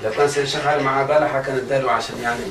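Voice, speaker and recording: A man's voice: medium pitch, fairly even intonation, rapid-fire, over a noisy crowd. A man with an Egyptian Arabic accent teaching a religious grammar lesson, constantly quizzing his students on whether they follow. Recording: echoey room, far from the mic, faint noise.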